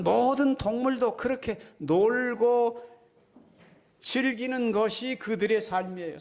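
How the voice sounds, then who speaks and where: A man's voice: medium pitch, a little mellow. A man preaching a sermon as pastor, folksy and chatty, often checking in with his listeners. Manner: folksy, keeps asking the congregation "right?".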